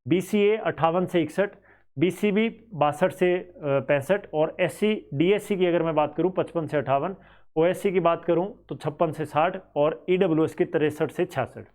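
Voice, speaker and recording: A man's voice: a little high, moderate pace, a little mellow. A man with a Haryanvi-flavoured Hindi accent teaching students about exam cut-offs in a conversational, thinking-aloud way.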